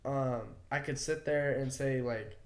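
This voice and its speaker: A man's voice: medium pitch, steady tone, a little slow. Young man telling a story in a roomy room. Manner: swears freely, loose and heated, heavy on "like" fillers. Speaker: podcast co-host. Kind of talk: casual storytelling chat. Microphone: podcast mic. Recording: roomy echo.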